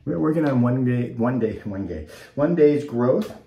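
A wet shaving channel host in his forties, slightly stuffed up, rambles easygoingly with many ums as he shaves and talks to the camera in a small bathroom at home. His mid-range voice is animated with vocal fry at a moderate pace, and the lo-fi recording is echoey with a little hiss or hum.

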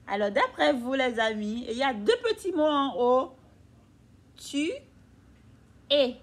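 A woman's voice: high voice, lively intonation, a little slow. A woman teacher reading a picture book aloud to young children, patiently asking them questions. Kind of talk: children's read-aloud lesson.

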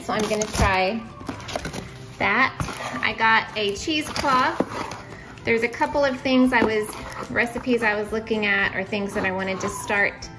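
A woman's voice: mid-range voice, rough recording. A woman in her thirties chatting casually at home through a grocery haul vlog, rambling with small asides and a little out of breath. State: slightly out of breath. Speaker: vlogger.

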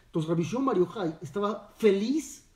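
A man's voice: sits high, animated, normal speed, darkish tone. A man, a rabbi teaching a Torah lesson, telling a story and asking his listeners questions. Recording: echoey room, distant mic.

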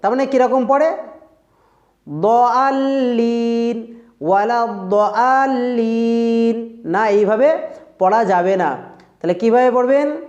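A Quran recitation teacher giving a tajweed pronunciation lesson, explaining slowly and drawing out recited words to demonstrate them. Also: medium pitch, animated, darkish tone. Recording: roomy, dull lo-fi recording.

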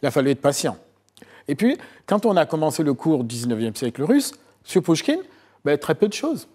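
A middle-aged man from Côte d'Ivoire, a historian, giving long answers in a TV interview, often pausing with fillers and repeating phrases. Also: a little high, big pitch swings, mellow, breathy edge. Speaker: historian and author guest. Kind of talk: TV interview, recounting his research.

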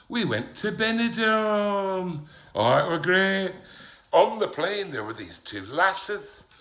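Here a man fully commits to a character voice, mid-range and sharp-toned, as a chatty middle-aged fellow with a mix of Yorkshire and Glaswegian accents. In this comic monologue, the fellow films a cooking video in his kitchen at home and keeps veering off into stories and gossip.

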